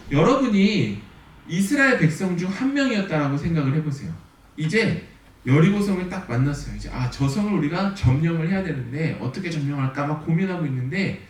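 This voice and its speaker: Male pastor, high and lively delivery, animated storyteller; distant mic in a roomy church sanctuary. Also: slight background noise. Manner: animated storytelling, acts out quoted voices. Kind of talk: sermon.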